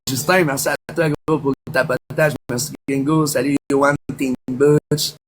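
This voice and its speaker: A man's voice: mid-range voice, steady tone, moderate pace. A man with a Québécois accent hosting a casual live stream outdoors, chatting with viewers and thanking them by name. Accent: Québécois French. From Quebec. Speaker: livestream host. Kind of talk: casual livestream chat to viewers. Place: outdoors across from a busy boulevard. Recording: faint street noise behind.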